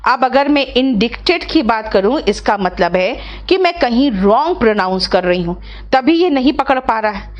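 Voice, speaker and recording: A woman's voice: a little high, expressive, moderate pace, muffled recording. A middle-aged woman, teaching vocabulary in an online class and coaxing her students step by step. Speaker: English teacher.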